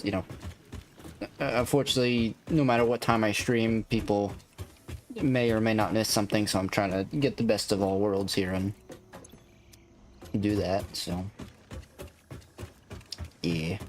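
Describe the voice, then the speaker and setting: Fairly low in pitch with fairly even intonation, this streamer talks at a normal speed but leaves long pauses. He chats and thinks aloud in a soothing, easygoing, rambling way while playing a factory-building game on stream. Clear background noise sits behind his voice.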